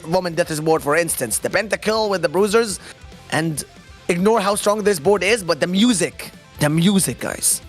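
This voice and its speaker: A man doing live esports commentary, excitable, explaining the game's mechanics. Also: sits high. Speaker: esports caster.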